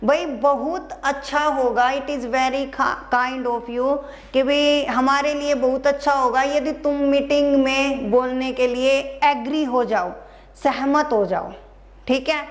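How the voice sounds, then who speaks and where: High-voiced woman teaching, slow and repetitive. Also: steady tone. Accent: Haryanvi Hindi. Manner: spells words letter by letter, repeats answers to students. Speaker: English teacher. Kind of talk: classroom exam-prep lesson.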